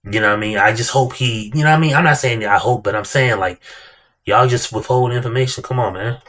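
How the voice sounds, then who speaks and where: A man's voice: mid-range voice, fast, fairly bright tone. A man giving blunt, slangy, casual commentary as a reaction host, hammering points through repetition.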